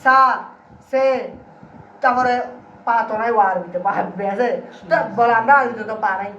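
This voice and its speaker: A man's voice: extremely high pitch, quick pace, fairly bright tone. A man teaches a grammar class, keeps firing questions at his students and drilling answers back. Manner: keeps quizzing students, call-and-response drilling. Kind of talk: classroom lecture. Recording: roomy, distant, dull and slightly noisy.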